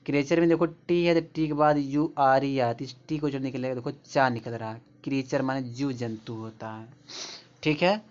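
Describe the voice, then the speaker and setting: A man's voice: mid-range voice, steady tone, normal speed, a little mellow. A man explaining English pronunciation rules, pointing at examples and repeating them. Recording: dull lo-fi recording.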